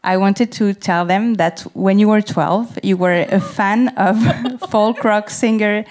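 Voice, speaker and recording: A woman's voice: mid-range voice, takes it slowly, a little mellow. A French woman speaking English with a French accent, conducting a prepared interview on stage and laughing easily. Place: event stage before an audience.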